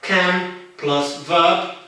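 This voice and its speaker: A man teaching an English grammar lesson, speaking slowly and deliberately and repeating his examples. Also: on the high side, fairly even intonation, far from the mic, noisy background. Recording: very echoey room, off-mic.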